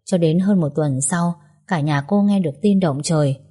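A woman narrating a story in a steady, measured way. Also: lowish voice.

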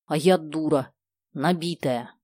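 A woman voicing a sharp-tongued schoolgirl who talks in a sarcastic, indignant way. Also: low-pitched, takes it slowly, no echo.

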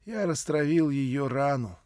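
A sorrowful old man, as a male reader voices him, slow and soft-spoken, with a slightly raised pitch. The audiobook reading sounds dry and close. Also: sing-song, no room sound. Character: grieving old man, gentle and pleading.

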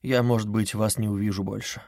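A man's voice: fairly low pitch, flat delivery, fairly quick, gravelly, darkish tone, dry recording, clean studio sound. Man reading as a gloomy, curt young man. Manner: gloomy, abrupt.

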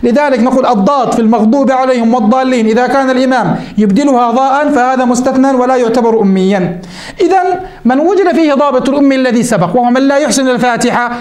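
Fast high-voiced sheikh in echoey room. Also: male voice, darkish tone. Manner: quotes the text then explains, asks rhetorical questions. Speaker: sheikh teaching Islamic jurisprudence. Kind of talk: religious lesson explaining a text.

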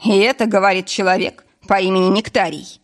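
A woman's voice: mid-range voice, level tone, brisk, lightly acted. A woman reading an audiobook voices a stern former police officer who speaks firmly and curtly. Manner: firm, commanding, curt.

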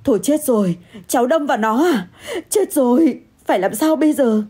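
A woman's voice: high voice, animated, normal speed, mellow, slightly rough, pitched above the performer's own voice. A woman voicing an older male security guard who exclaims in alarm.

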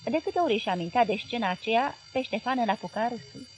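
A woman narrating a literary audiobook in a measured, clear reading style. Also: a little high, expressive, slight background noise.

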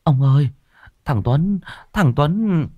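A breathless, tearful old woman cries out in panic, her voice forced up high as a man narrator puts her on. She is a worn-out street drink seller in a spoken horror tale, frantic and close to weeping. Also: expressive, extremely slow, dry recording, phone-quality sound. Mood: distraught.

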